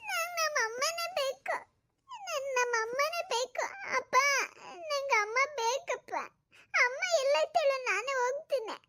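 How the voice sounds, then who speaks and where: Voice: very high voice, bright, forceful tone, pitched above the performer's own voice, exaggerated voice. A sobbing little cartoon boy. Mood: tearful pleading. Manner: sobbing, drawn-out pleading. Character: little boy crying for his mother. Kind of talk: cartoon voice acting.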